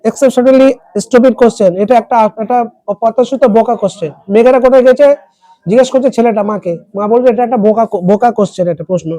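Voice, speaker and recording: A tutor explaining an English text in Bengali, reading lines slowly and asking students word meanings. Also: female voice, on the high side, warm tone, dry recording. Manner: asks students questions and repeats word meanings. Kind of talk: classroom lesson explaining a text.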